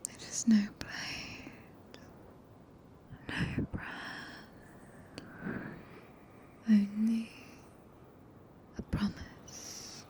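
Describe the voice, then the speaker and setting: A woman with a British accent voicing a tender, possessive, regal witch mistress in a breathy, archaic whisper for an ASMR roleplay, close to a binaural microphone. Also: mid-range voice, monotone, very slow, pauses often, dark tone. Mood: solemn, tender.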